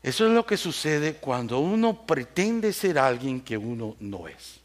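A man's voice: medium pitch, measured pace, a little hiss or hum. A man preaching a sermon, telling stories and often asking the congregation for assent. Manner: animated storyteller, asks the congregation for assent. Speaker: pastor.

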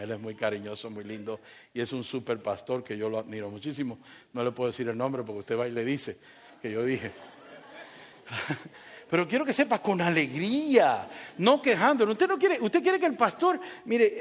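A man preaching a sermon as pastor, animated and joking as he tells personal stories to his congregation. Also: mid-range voice, normal speed.

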